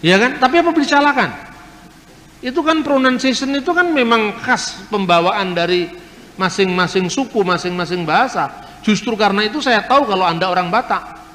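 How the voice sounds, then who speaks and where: A man's voice: high voice, normal speed, bright, forceful tone. A man delivers a religious lecture in a slightly raised voice, laying out each point patiently and stopping to throw rhetorical questions at his listeners. His voice rings with a long hall reverb that trails behind every phrase.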